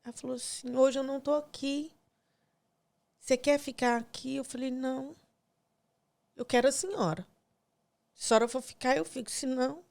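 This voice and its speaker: A woman's voice: sits high, fairly even intonation, normal speed, vocal fry, long pauses. A woman, a podcast guest, tearfully telling a painful personal story and acting out each exchange in quoted dialogue. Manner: retells scenes with quoted dialogue, voice breaking softly.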